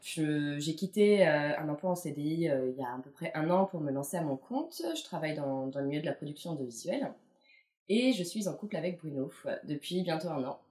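A woman's voice: low-pitched, expressive, fairly quick, mellow, roomy sound. A woman in her late twenties, a guest speaking hesitantly and reflectively with many fillers, at home. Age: late 20s. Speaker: interview guest. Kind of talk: casual chat. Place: couple's apartment.

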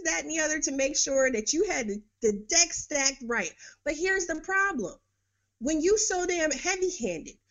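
A woman's voice: high voice, a bit bright. A middle-aged woman from New York hosting a podcast, giving blunt, sarcastic political commentary with frequent laughs. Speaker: podcast host. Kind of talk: casual political commentary monologue.

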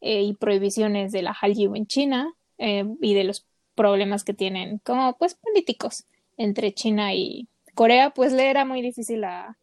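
A woman's voice: mid-range voice, moderate pace, darkish tone, dry recording. A woman co-hosting a casual podcast chat, talking with lots of fillers. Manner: chatty, many fillers. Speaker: podcast co-host.

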